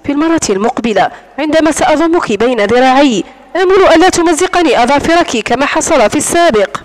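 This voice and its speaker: A woman's voice: sits high, animated, fast talker, low-quality recording. A woman reading the part of a mocking, domineering wealthy Greek man in an audiobook, in a cold and controlling manner. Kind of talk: audiobook narration.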